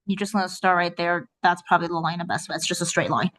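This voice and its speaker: A woman's voice: fairly low pitch, steady tone, quick pace, fairly bright tone, rough recording. A woman teacher talking through a math worksheet step by step, thinking aloud and often checking in with "right?". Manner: tentative, thinks aloud while estimating.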